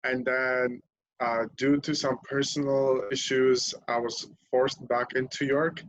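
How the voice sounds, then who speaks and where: Young guy from lebanon on a podcast, candid, swears and laughs at himself, mid-pitch voice. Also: level tone, slow, no room sound, dull audio. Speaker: podcast guest. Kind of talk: casual storytelling interview.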